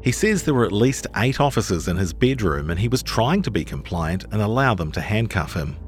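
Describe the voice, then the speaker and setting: A man with a New Zealand accent narrates a long-read podcast, reading scripted journalistic text. His voice is lowish and expressive, a little fast, with soft music playing in the background.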